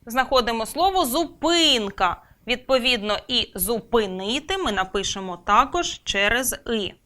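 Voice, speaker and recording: Жвава вчителька з яскравим високим голосом. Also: female voice, on the high side, lively intonation, sharp tone. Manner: clear, deliberate, stresses words. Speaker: teacher. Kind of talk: scripted grammar lesson.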